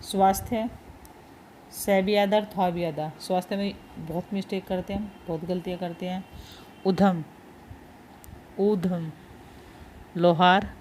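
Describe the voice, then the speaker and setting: A woman's voice: lowish voice, steady tone, unhurried, pauses often, darkish tone, slight background noise. A woman teaching a Hindi spelling lesson. She says each word, repeats it, and patiently points out which ones are important.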